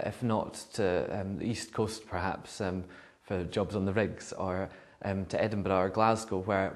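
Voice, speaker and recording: A man's voice: fairly low pitch, a little mellow. A man giving considered, thoughtful answers as an interviewee. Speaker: vox pop interviewee.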